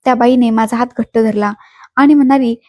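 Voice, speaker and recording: A woman narrates a first-person story in a steady, dramatic read. Her voice sits fairly high yet sounds mellow and warm. The recording is close and dry, with no room echo. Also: a little fast.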